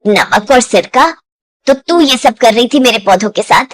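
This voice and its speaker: A woman's voice: on the high side, lively intonation, moderate pace. A woman voicing a stern older mother-in-law in a storybook drama. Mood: scolding. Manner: scolding, later gentle.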